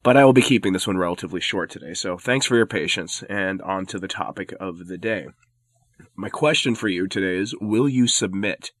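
A man with a deep, fairly bright voice talks fairly quickly, stuffy-sounding from a head cold, as he hosts his own commentary podcast. In this spoken opinion piece he argues firmly and combatively, slipping in the occasional sardonic aside.

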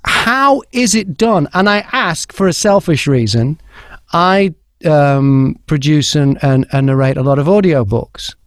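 Upbeat radio host, dry sound. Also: male voice, fairly high pitch, lively intonation, measured pace, dry recording. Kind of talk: radio interview and chart rundown.

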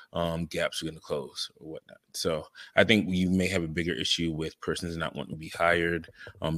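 A man co-hosting a casual podcast, giving measured, reflective opinions and thinking aloud with fillers. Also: low voice, a bit bright. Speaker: podcast co-host. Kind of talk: casual chat.

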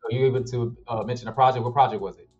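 A man's voice: medium pitch, fairly even intonation, rapid-fire, dull audio, crowd noise. A man who acts and makes films, talking casually about his projects in a laid-back, slangy way. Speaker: actor and filmmaker guest. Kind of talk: casual interview chat.

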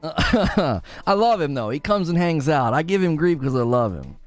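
A man from Northern Ohio streams live, teasing his chat and laughing as he goes. His voice sits high and swings widely in pitch. The sound is close and dry, with faint music underneath. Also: big pitch swings, normal speed, no echo. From Northern Ohio, USA. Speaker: gaming streamer.

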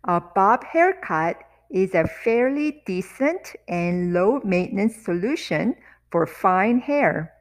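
A woman teaching vocabulary, saying each word slowly and deliberately, repeating words and sentences one piece at a time. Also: mid-range voice, very animated. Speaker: language teacher. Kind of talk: vocabulary lesson with repetition.

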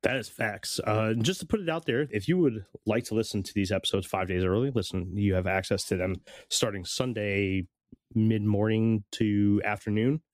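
A man's voice: on the low side, normal speed, dry recording, clean studio sound. A man hosting a podcast in a laid-back, informal way. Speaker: podcast host. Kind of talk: casual podcast banter with scripted intro narration.

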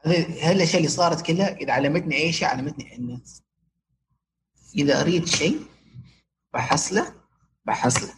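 This young adult from Oman talks very fast in a slightly high voice, pausing often. Appearing as an interview guest, he shares personal stories casually, dropping English words into his Omani Arabic.

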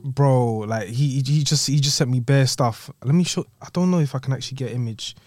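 Male, London roadman accent, medium pitch, insistent casual storytelling with repeated phrases, very little room sound. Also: brisk, a little mellow, dry recording, clean studio sound. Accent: London roadman, urban slang. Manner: insistent, repetitive. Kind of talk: casual anecdote among friends.

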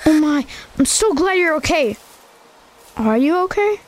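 A woman's voice: sits high, sing-song, a little slow. A woman voicing a young boy who is earnest and protective of his sister. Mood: concerned. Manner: earnest, concerned.

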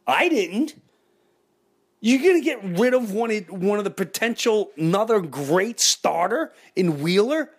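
A man's voice: high voice, very animated, unhurried, husky. A middle-aged man hosting a baseball fan show, in an escalating comedy rant, indignant and incredulous, firing off rhetorical questions.

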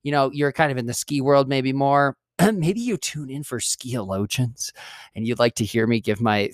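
A podcast host talks solo into a studio mic, his smooth mid-range voice recorded cleanly with no echo. He's chatty and digressive, often correcting himself mid-sentence.

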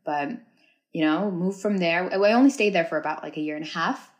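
Chatty young woman, low voice. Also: fairly quick. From Uzbekistan. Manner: chatty, many likes and ums. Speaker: podcast guest. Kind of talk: casual chat.

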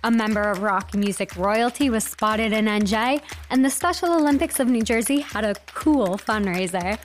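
A woman's voice: a little high, normal speed, slight background noise. A young woman hosting a short news podcast, reading a script in a playful, wry way with jokey asides.

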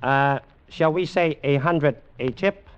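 An actor playing a proud, cruel warlord general, speaking clipped, broken English. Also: male voice, on the high side, slow, clean tone. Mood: smooth, cool. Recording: dull lo-fi old film soundtrack.

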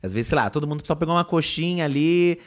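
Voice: mid-range voice, lively intonation, quick pace. A podcast co-host with a Brazilian accent in casual chat, acting out friends' lines and laughing often. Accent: Brazilian Portuguese.

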